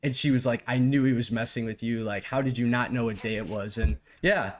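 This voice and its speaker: A young man co-hosting a sports podcast, telling a long story in an animated, exasperated way. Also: mid-range voice, brisk. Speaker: podcast co-host.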